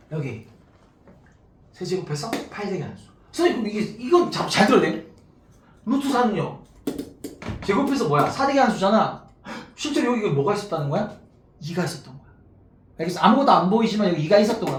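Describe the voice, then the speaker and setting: A man teaching a math class to students, talking casually and constantly checking that they follow. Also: sits high. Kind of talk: classroom lecture. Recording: echoey room, mic far off, faint noise.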